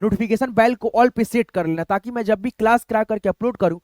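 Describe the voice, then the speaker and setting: A man teaches in a relaxed, repetitive way and explains each step slowly. He keeps calling his listeners friends and answers his own questions. The recording is dry and close, with no room echo. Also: sits high. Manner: says "friends" constantly, asks questions and answers them himself. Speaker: online Hindi and English teacher. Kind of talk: casual teaching.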